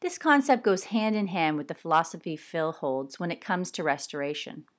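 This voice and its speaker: A woman from Canada who hosts a podcast, reading her narration in a measured way from a script. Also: fairly low pitch, very animated. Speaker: podcast host. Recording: narration with music underneath.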